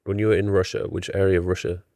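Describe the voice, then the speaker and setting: A man's voice: sits low, level tone, very fast, warm tone, no echo, clean studio sound. A man hosting a podcast in casual interview chat, teasing and jokey, often laughing. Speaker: podcast host.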